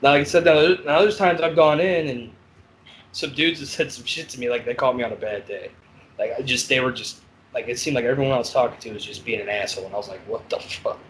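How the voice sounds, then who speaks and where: A man of ordinary pitch telling rough stories of his time as a guard, swearing freely and acting out both sides of each exchange. His voice swings between low, hushed asides and loud bursts. A faint hiss sits under the recording. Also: fast, poor audio. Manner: blunt, profane, animated storytelling. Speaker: podcast host, former corrections officer. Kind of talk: casual storytelling chat.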